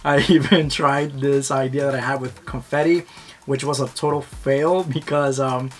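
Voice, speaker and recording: A man's voice: mid-range voice, fairly even intonation, normal speed. A man narrating his vlog in a casual, upbeat and heartfelt way, often talking about trusting his heart. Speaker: vlogger. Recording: voice-over with loud music behind.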